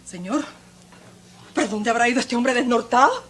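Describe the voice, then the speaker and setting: Una actriz cubana interpreta a la joven esposa del zapatero, de genio vivo y dramático, que pasa de regañar a lamentarse entre exclamaciones. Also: female voice, on the high side, normal speed, background noise, lightly acted. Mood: indignant, scolding. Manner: exclamatory, swinging between scolding and lament. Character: fiery young shoemaker's wife, quick-tempered, dramatic. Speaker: stage actress. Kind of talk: theatre performance.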